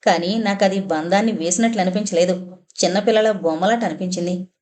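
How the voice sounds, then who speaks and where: A woman's voice: lowish voice, fairly quick, a little mellow, natural voice. A woman voicing a grieving, torn young blind woman in an audiobook novel, with a tearful, pleading delivery. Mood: anguished.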